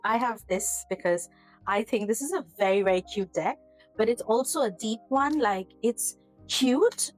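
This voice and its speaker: A woman with a voice on the high side hosts her own tarot channel, chatting casually to camera from her home kitchen. She's earnest and rambling, and the talk turns emotional. The recording quality is low.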